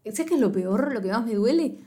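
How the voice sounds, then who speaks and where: Fast-talking Rioplatense woman recapping. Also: a little high, lively intonation, mellow. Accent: Rioplatense Spanish. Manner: fast, slangy retelling with quoted dialogue. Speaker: podcast co-host. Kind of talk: casual chat recapping a TV series.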